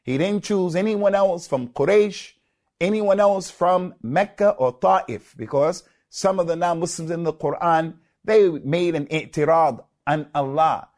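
A man delivers a religious lecture, his voice sitting fairly high for a man. He speaks emphatically and stacks repeated words for stress. He weaves Arabic phrases into his English. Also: a little slow, a little mellow. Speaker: Islamic preacher.

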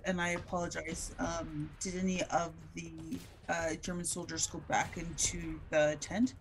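A woman's voice: lowish voice, flat delivery, a little slow, slight background noise. A woman playing a tabletop game, talking casually and hesitantly, with many stumbles and restarts. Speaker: player.

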